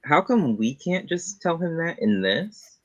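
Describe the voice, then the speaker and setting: A man's voice: on the high side, very animated, a little slow, a bit bright, muffled recording. A man in a casual chat who asks curious, teasing questions.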